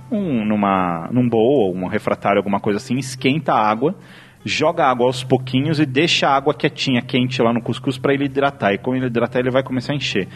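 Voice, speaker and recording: A man with a Brazilian Portuguese accent co-hosting a casual podcast chat over drinks, joking and rambling into mock-philosophical questions. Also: mid-range voice. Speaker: podcast co-host.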